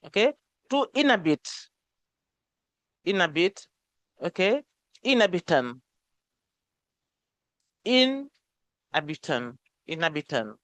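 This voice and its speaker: A woman teaching an English grammar lesson, who repeats each word slowly and keeps saying okay. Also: mid-range voice, dry recording.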